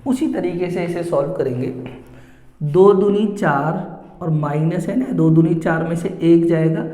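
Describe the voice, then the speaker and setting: A man teaching maths at a board, explaining each step slowly and repeating the same phrases as he goes. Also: a little high, dark tone. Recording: echoey room with long reverb.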